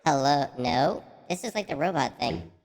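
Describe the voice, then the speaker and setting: A man's voice: fairly high pitch, expressive, moderate pace, big-room sound. A streamer, a man, testing his mic while his voice comes out through a metallic robot filter, puzzled and repeating test words. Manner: repetitive, puzzled checking of sound.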